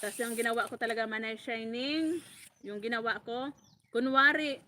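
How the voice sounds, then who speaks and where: A woman from the Bicol region of the Philippines, a farm vlogger, telling a story in a casual, animated way, laughing often and calling her listener by name. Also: on the high side, normal speed, slight background noise. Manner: animated, laughs often, repeats a friend's name as she talks.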